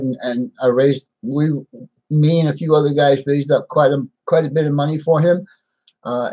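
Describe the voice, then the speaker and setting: A man speaking without his teeth in a halting, plain-spoken way, repeating himself as he chats casually on a live stream. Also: on the high side, darkish tone, rough recording. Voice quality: toothless, slightly slurred speech without dentures. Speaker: livestream host.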